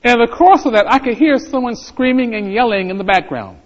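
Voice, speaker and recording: A man's voice: very high-pitched, fairly quick. A middle-aged man preaching a sermon as pastor, building to fervent emphasis. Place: church sanctuary. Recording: reverberant hall, dull lo-fi sound.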